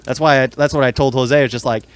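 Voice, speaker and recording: A man chatting casually on a podcast, blunt and rambling, with plenty of restarts. His voice sits at an ordinary middle pitch for a man. He complains openly about his coworkers. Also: steady tone, fast talker, slight background noise. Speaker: podcast co-host. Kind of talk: casual chat.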